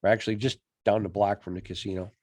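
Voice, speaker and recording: A man from Michigan co-hosting a podcast, telling deadpan tall tales in casual chat. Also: fairly low pitch, fast, dry recording. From Michigan, USA. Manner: deadpan, tall-tale joking. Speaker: podcast co-host.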